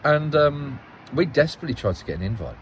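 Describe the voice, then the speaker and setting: A man's voice: on the high side, very animated, quick pace, slight background noise, rough recording. A man giving a casual spoken account as a local parish councillor, rambling and restarting phrases as he tells the story with some exasperation.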